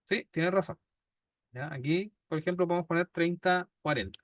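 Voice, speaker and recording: Patient Chilean teacher, higher voice. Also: male voice, normal speed, dry recording, studio quality. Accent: Chilean Spanish. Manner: patient, checks in constantly with "¿ya?". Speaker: statistics teacher. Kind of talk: classroom lecture. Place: classroom.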